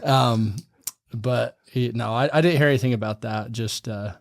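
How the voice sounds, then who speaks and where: A man from Utah talks as a podcast guest in a relaxed, easygoing way. He fills his sentences with "uh" and "you know." His middle-pitched voice is recorded close and dry. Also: normal speed, creaky, no room sound. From Utah, USA. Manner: relaxed and easygoing, with many fillers. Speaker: firefighter guest. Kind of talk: casual podcast interview.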